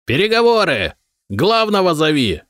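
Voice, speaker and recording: Loud, high-pitched envoy on horseback , man narrator doing it, audiobook, dry sound. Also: big pitch swings, moderate pace, dry recording. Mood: shouting, demanding. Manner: shouted, high and strained. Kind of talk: audiobook character voice.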